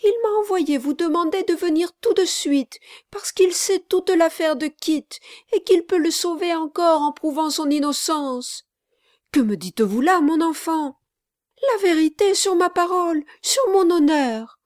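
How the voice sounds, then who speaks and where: A woman's voice: unhurried, a little mellow, no echo, studio quality. A woman doing a breathless little servant girl. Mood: urgent pleading. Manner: high, eager and out of breath. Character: breathless small servant girl, urgent and pleading.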